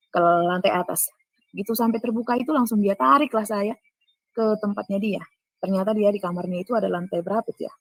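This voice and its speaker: A woman's voice: mid-range voice, gravelly, slightly rough, no echo, poor audio. A woman giving an earnest spoken testimony. She addresses her listeners directly and acts out the dialogue she quotes. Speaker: testifying speaker.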